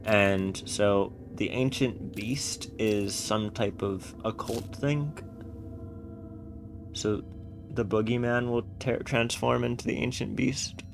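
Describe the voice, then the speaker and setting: Low-voiced man narrating his gameplay. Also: steady tone, slow, gravelly, music in the background. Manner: thinking aloud, loosely planning moves. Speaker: let's play streamer. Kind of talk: casual gameplay commentary reading game text.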